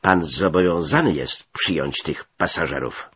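A man's voice: low-pitched, measured pace, a bit bright, breathy edge, no echo, dull audio, full character voice. A man voicing a stern, officious British major who gives orders and makes threats. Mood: stern demanding.

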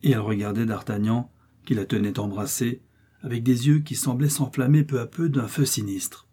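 A man narrating a classic novel aloud, expressive and rising with the action. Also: mid-range voice, normal speed, slightly rough. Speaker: audiobook narrator. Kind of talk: dramatic novel reading.

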